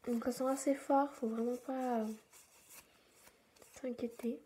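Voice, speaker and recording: A woman talks through a nail tutorial in a casual, chatty way, dropping fillers and the odd whispered aside. Her voice sits a little high. Faint noise runs under the close recording. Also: flat delivery, unhurried, mellow. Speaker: beauty vlogger.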